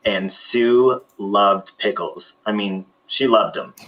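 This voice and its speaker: A man's voice: on the low side, takes it slowly. Man telling a crude comic story. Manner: crude, animated, sound effects. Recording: dull old video audio, faint noise.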